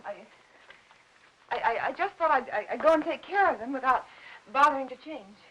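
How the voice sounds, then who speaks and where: Casting: a jittery young wife, stammering, slightly high voice, 1950s film. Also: female voice, expressive, moderate pace, sharp tone, highs cut off. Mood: flustered nervous. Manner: stammering, breathless, hesitant. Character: nervous young wife, flustered and evasive.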